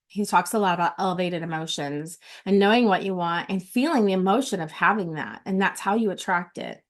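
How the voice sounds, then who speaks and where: Her voice sitting in the mid range, a middle-aged woman reads out notes from a retreat in a relaxed vlog. She sounds tearful and heartfelt, on the verge of crying, and often starts her sentences over.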